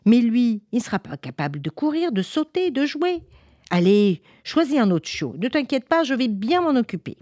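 A woman voicing a kind grown man who sells puppies, gentle and coaxing. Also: a little high, sing-song, normal speed, dry recording, studio quality, pitched above the performer's own voice.

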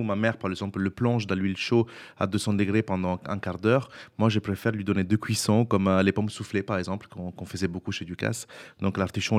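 A man, a chef, explaining his cooking techniques in a casual chat and laughing easily. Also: lowish voice.

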